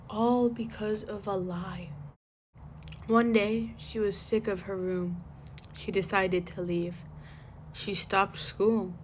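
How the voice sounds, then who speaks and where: A woman's voice: medium pitch, darkish tone, a little hiss or hum. A woman hosting a fan fiction channel, chatting in a rambling way and then reading a story aloud. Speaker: fanfic channel host and reader. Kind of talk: casual chat and story reading.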